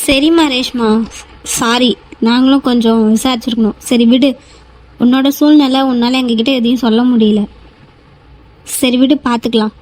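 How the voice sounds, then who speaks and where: A woman voicing a sympathetic young man in a cartoon who calmly apologizes. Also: fairly high pitch, moderate pace, long pauses, voice pushed down, close to an everyday voice, low-quality recording. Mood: apologetic. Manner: calm, apologetic. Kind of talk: cartoon voice acting.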